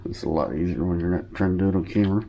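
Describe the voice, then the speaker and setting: This hobbyist speaks rapid-fire in a low-pitched voice against a noisy background. Sniffling a bit from a cold, he rambles casually through a show-and-tell of his gear, using fillers and fixing his own mistakes.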